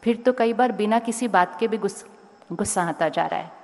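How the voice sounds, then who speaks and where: A woman giving a motivational spiritual talk to a school audience, speaking slowly and deliberately and sometimes calling on the crowd to raise their hands. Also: mid-range voice. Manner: calm, slow and deliberate, rising to urge the crowd. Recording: long hall reverb.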